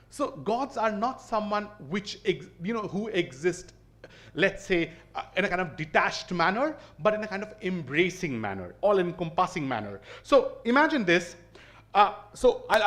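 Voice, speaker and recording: A man with an Indian English accent giving an academic seminar lecture in a college hall, questioning the audience and often restarting his phrases. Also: high voice. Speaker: seminar speaker.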